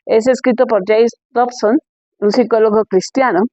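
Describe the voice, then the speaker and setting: A woman's voice: on the high side, fairly even intonation, moderate pace, dark tone, dry recording, highs cut off. A woman pastor giving a conference sermon in a conversational way, firing rhetorical questions at her listeners.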